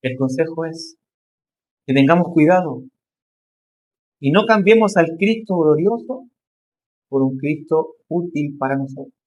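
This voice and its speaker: A male pastor preaching a sermon, rising into emphatic questions and slowing to stress key phrases. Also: fairly high pitch, lively intonation, darkish tone.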